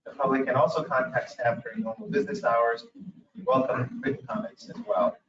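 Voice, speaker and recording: A man chairing a public commission meeting, reading procedural items and pausing often on "uh". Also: mid-range voice, fairly bright tone, slight background noise. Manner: procedural, with frequent "uh" pauses. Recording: echoey room, mic far off, dull sound.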